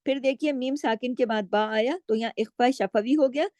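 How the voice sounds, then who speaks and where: A woman teaching Quran recitation rules, reciting slowly and drawn out, then explaining step by step and asking her students questions. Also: on the high side, darkish tone, no echo. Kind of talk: tajweed lesson with slow recitation.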